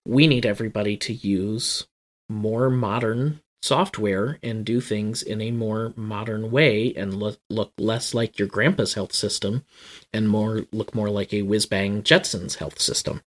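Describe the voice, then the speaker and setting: A man's voice: fairly low pitch, steady tone, measured pace. A man explaining a topic at length in casual conversation, talkative and wry, often correcting himself. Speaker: guest explaining healthcare IT.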